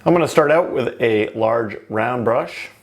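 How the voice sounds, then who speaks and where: In the spirit of a television painting teacher, a man walks through his work step by step in a relaxed, informal lesson. His voice sits at medium pitch and moves at a measured pace.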